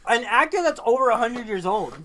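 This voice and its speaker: A man's voice: very high-pitched, lively intonation, brisk, bright, forceful tone. A man in his thirties co-hosting a podcast, chatting casually, joking, swearing and laughing often. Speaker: podcast co-host. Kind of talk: casual chat.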